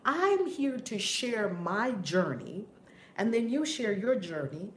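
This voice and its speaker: Female spiritual teacher, mid-range voice, animated and loose with laughs and cursing; roomy sound. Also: mid-range voice, slow pace. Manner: animated, laughs often, swears casually. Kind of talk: casual livestream teaching. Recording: roomy with faint background noise.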